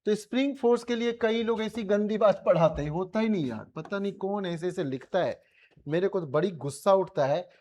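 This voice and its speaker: A man's voice: high-pitched, a little fast, darkish tone. Coaxing Indian physics teacher, man. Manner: colloquial, coaxing students with repeated questions. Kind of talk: classroom revision lecture.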